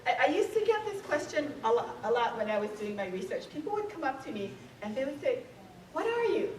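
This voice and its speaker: A woman from Hawaii, an author and speaker, gives a casual museum lecture to an audience in an event room, her voice high-pitched, very animated and brisk. She talks conversationally, fills gaps with frequent "um"s and puts questions to the crowd. The mic sits far from her in an echoey hall.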